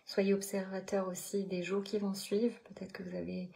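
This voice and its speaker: A woman's voice: medium pitch, level tone, moderate pace, creaky, mellow. A woman meditation coach and channel host, talking casually and encouragingly to her live audience after a guided meditation, with many hesitations and restarts.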